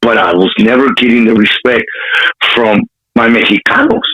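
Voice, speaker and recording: The muffled recording captures a Compton rapper with an urban Los Angeles accent spinning animated tales in a casual interview, swearing often and using street slang. He speaks at a moderate pace in a mid-range voice with a sharp tone.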